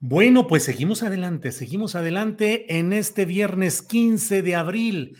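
A man hosting a live news programme, with a measured, formal and wordy way of talking. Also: sits high, animated, a little mellow.

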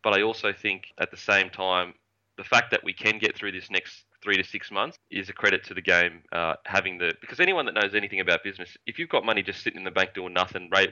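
A man's voice: low voice, sharp tone. An Australian man speaking as a podcast guest in casual interview chat, on slightly dull audio.

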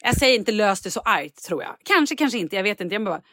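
Animated woman podcast host, lively pitch. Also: no echo, clean studio sound. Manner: animated storyteller acting out scenes, swears freely. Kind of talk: casual chat.

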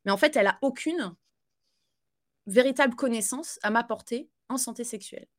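A woman speaking as a podcast guest in a loose, conversational way. She hesitates often, fills pauses and restarts her sentences. She laughs easily as she talks about her life. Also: a little high. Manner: chatty, halting, with many fillers and restarts. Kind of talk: casual conversational interview.

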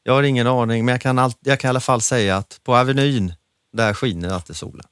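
A man's voice: medium pitch, steady tone, fairly bright tone, clean tone, no room sound. Middle-aged man chatting, dry sound. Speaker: podcast co-host. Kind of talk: casual chat.

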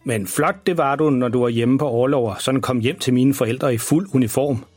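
A man's voice: medium pitch, darkish tone, no room sound, faint music behind, natural voice. A man voicing a dreamy mother fondly remembering in a children's story. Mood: wistful. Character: dreamy, fond middle-aged mum.

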